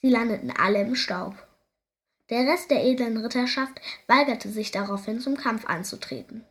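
A woman reading a children's story aloud in a lively, expressive way. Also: a little high, normal speed.

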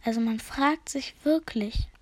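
A woman's voice: on the high side, a little slow. A woman doing a nasal, lazy lizard official. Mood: condescending. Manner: condescending, drowsy. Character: lazy, haughty male lizard court official.

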